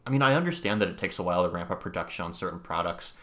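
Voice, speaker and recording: A man's voice: sits low, animated, very fast, fairly bright tone. A man chatting casually on a podcast about video games, hedging and restarting often, with a dry sarcastic streak. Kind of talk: casual chat.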